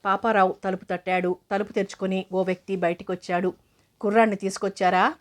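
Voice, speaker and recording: A woman narrating an audio novel in a steady, even storytelling manner. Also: medium pitch, fast talker.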